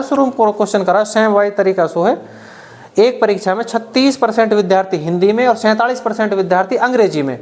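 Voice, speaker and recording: A man's voice: high-pitched, darkish tone. A man teaching an exam-prep math lesson, counting out each calculation aloud step by step and often checking that the class has understood.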